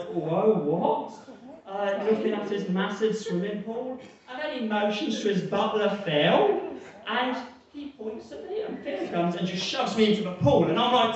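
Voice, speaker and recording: A man performing a crude stand-up story on a comedy club stage, telling it in a deadpan way. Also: high-pitched. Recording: echoey club, mic from far off, dull sound.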